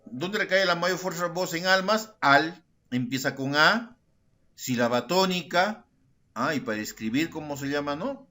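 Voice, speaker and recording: A man's voice: fairly high pitch, animated, normal speed, pushed and bright. A male secondary school teacher, patiently explaining grammar to his students and checking in with frequent tag questions. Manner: addresses students directly and repeats key words. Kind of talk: recorded grammar lesson.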